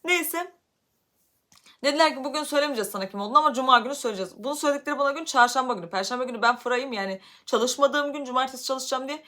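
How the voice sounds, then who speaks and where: A woman from Turkey telling a story casually to her vlog audience, animated, her voice getting loud when she is upset. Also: high-pitched, racing. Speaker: vlogger.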